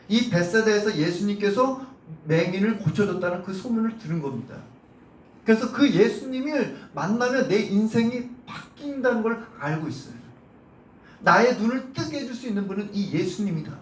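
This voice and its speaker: A male pastor preaching a Sunday sermon, acting out crowd shouts and quizzing the congregation. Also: sits high. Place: church sanctuary. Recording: roomy church sound from a distant mic, faint hum.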